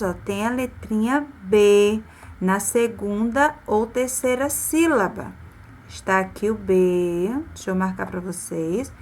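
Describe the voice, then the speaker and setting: A woman with a Brazilian Portuguese accent teaching a primary class, stretching out and repeating words slowly for children. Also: medium pitch. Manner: slow, drawn-out spelling of words, repeating them for children. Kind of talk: recorded remote class lesson.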